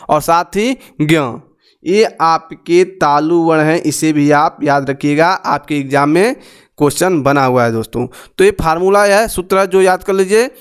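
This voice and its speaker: A man's voice: a little high, smooth. A young man teaching a grammar lesson for exam preparation, explaining patiently and having listeners repeat sounds with him.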